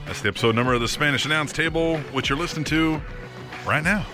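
A man's voice: a little high, fast, music in the background. A man hosting a casual podcast, chatting in a joking, agreeable way. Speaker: podcast host.

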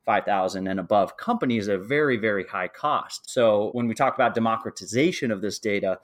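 A man's voice: fairly low pitch, brisk. A man hosting a podcast, reading a polished intro and asking his guest questions. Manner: polished, scripted-sounding delivery. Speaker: podcast host.

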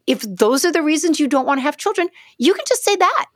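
A woman's voice: high-pitched, fast, no room sound, clean studio sound. A woman co-hosting a podcast, chatting casually and telling stories, acting out the voices of people she quotes. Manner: animated storyteller, acts out quoted speech. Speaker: podcast co-host. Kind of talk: casual conversation.

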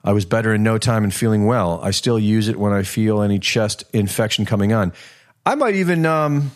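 Rambling man with a lowish voice. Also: fairly quick. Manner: rambling, relaxed, many ums and restarts. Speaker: podcast host. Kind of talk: casual solo podcast, reading listener comments.

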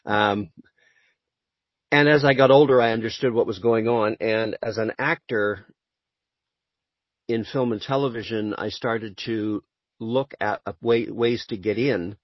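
Low-voiced man chatting, dry and relaxed. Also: unhurried, pauses often, no echo. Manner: relaxed, conversational, dry humor. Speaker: voice actor guest. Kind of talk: casual interview chat. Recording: muffled lo-fi audio.

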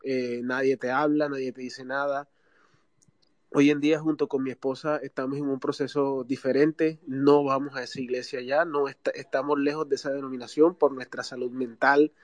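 A man's voice: mid-range voice, darkish tone, dry recording. A man in his thirties with a Colombian Caribbean coast accent, calling in to a live audio talk with many hesitant fillers. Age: 30s. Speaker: caller. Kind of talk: live audio space call-in.

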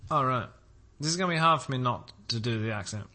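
A man's voice: mid-range voice, lively intonation, fast talker, sharp tone. A man co-hosting a podcast in casual chat, dry and sarcastic, laughing at his own jokes. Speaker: podcast co-host.

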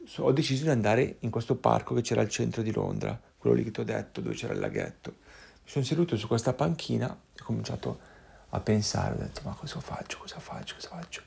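Gravelly man telling a life story. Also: mid-range voice, fast talker. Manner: animated, acts out voices and sounds.

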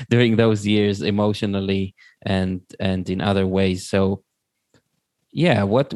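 A man in his thirties hosting a podcast, asking slow, halting, thoughtful questions. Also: fairly low pitch, darkish tone, no echo. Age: 30s. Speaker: podcast host. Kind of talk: casual conversation.

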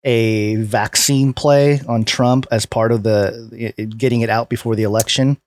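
A man's voice: mid-range voice, fairly even intonation, normal speed, darkish tone, dry recording, clean studio sound. A man co-hosting a casual podcast, reading news items aloud and laughing often. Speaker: podcast co-host. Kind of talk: casual political chat.

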